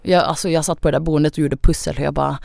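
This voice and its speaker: A young woman with a low, gravelly voice recounts her own story as a podcast guest. Her talk is chatty and loose, packed with fillers. The studio sound is close and dry. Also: steady tone, darkish tone, no room sound. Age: young adult. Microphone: studio microphone.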